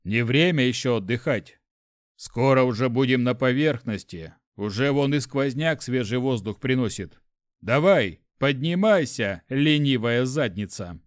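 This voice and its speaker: A man's voice: mid-range voice, moderate pace, no room sound, studio quality, natural voice. A man reading an audiobook, voicing a jittery young man who is bossy but terrified of spiders. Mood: scolding. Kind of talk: audiobook character voice.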